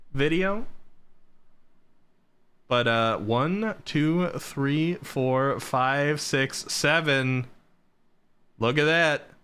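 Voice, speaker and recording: A man's voice: on the high side, a bit bright, clear, resonant tone. A man hosting a livestream, commenting casually on old clips in a playful, self-mocking way. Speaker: streamer, host. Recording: faint music behind voice.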